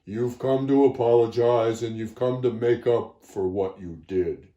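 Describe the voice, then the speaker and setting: A man voicing a scary, stern old male gila monster in a storybook tale, speaking slowly and solemnly. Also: medium pitch, fairly even intonation, dull audio, natural voice. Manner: slow, loud and solemn. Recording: roomy echo.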